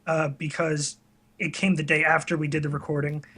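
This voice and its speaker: A man from the US tri-state area, an online video creator, appears as a podcast guest and tells candid, self-deprecating stories in a casual, conversational way. His voice is a little high with a sharp tone, and he speaks in a flat delivery at a moderate pace.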